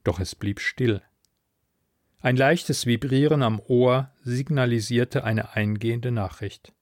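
Slow, measured male audiobook narrator. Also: mid-range voice, no echo, studio quality. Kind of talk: first-person audiobook narration.

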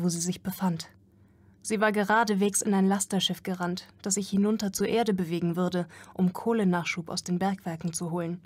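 A woman's voice: medium pitch, slightly rough, dry recording. A woman narrating an audiobook in a tense, dramatic reading.

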